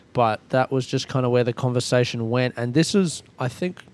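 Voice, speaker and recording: A man's voice: mid-range voice, darkish tone. An Australian man hosting a podcast in a casual, rambling, conversational way, recorded on a boat. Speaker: podcast host. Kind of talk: casual solo podcast intro. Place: recorded on a ferry at sea. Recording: clear ambient noise aboard a boat. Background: ferry ambience.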